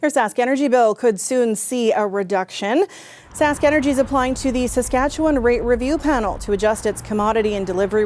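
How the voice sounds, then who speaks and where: Woman, TV news anchor, scripted delivery, raised pitch. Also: darkish tone, slight background noise.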